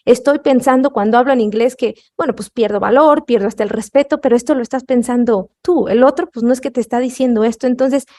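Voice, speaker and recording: Mellow-voiced woman host, reflective. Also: fairly high pitch, fast, few pauses. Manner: thoughtful, recaps guest's words, many fillers. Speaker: podcast host. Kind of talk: reflective interview talk.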